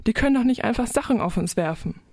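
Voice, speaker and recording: A woman voicing an excitable female crab who is quickly upset, in a children's audio story. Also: on the high side, husky, dry recording, studio quality, voice pushed up. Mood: indignant. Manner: bright, emotional, quick to despair.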